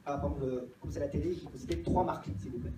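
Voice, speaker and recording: A man's voice: fairly high pitch, very fast, pitched below the performer's own voice, close to an everyday voice. A man playing a mock-serious interviewer in an improvised comedy sketch, asking questions. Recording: echoey room recorded from a distance, loud noise.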